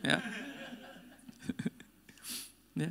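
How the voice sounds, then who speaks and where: Bright, joking male pastor preaching. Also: drawn-out words, a little hiss or hum. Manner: joking, slangy storytelling with acted-out quotes. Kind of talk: sermon.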